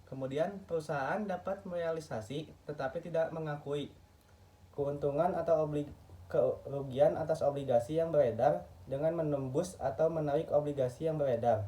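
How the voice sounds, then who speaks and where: At normal speed, an Indonesian man with a mellow, somewhat high voice reads a scripted lecture aloud in a formal, textbook-like manner, with the odd stumble over a word. The microphone sounds distant and the audio muffled.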